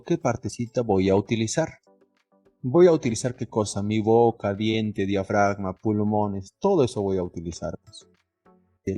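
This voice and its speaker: A man's voice: on the low side, mellow. A male teacher giving a lesson, asking the class questions and answering them himself, with lots of diminutives.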